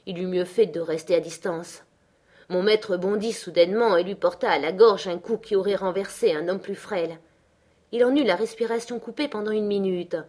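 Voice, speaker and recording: A woman reading a classic novel aloud as an audiobook narrator. Her telling is measured and expressive, in a middle pitch. She moves the story along steadily.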